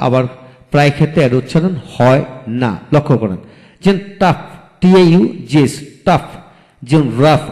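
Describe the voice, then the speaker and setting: A male English teacher giving a recorded video lecture, spelling each word letter by letter and then repeating it slowly. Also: on the high side, darkish tone, long reverb tail.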